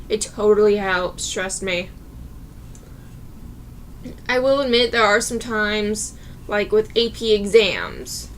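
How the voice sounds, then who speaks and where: A woman's voice: on the high side, a little hiss or hum. A young adult woman ranting casually to her viewers, chatty and reassuring, with sudden outbursts. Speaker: vlogger. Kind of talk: casual advice rant to camera.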